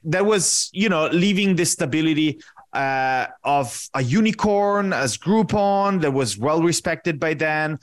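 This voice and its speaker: A man in his thirties from Italy, a podcast guest answering questions in a relaxed way, often pausing with fillers as he searches for words. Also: on the high side. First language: Italian. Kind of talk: casual interview answers.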